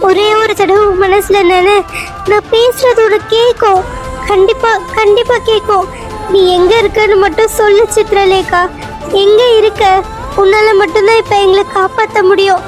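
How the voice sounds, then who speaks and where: A woman's voice: very high-pitched, steady tone, normal speed, music in the background. A woman voicing an earnest young woman in a cartoon serial who keeps pleading with a spirit. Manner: urgent, repeated pleading.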